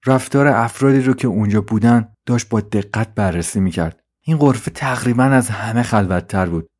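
Male narrator, calm measured audio-story read. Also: on the low side. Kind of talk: scripted narration.

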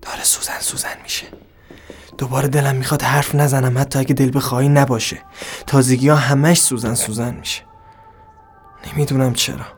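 A man's voice: mid-range voice, little pitch movement, faint music behind. Brooding man in a bitter monologue. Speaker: narrator of an audio drama. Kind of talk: introspective dramatic monologue.

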